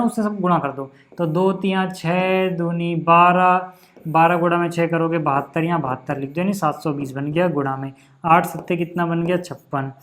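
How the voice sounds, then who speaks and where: A young man teaching a casual maths lesson, patient and chatty, checking in often and slowing down to count out each step. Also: high voice. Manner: slows down to count out steps.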